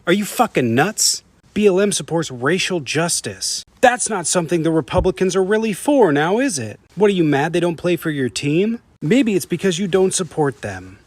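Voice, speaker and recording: A man with a lively, bouncing voice delivers a mocking, combative rebuttal. The sound is close and dry, with almost no room around him. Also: high-pitched, normal speed, no echo. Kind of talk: casual rebuttal video.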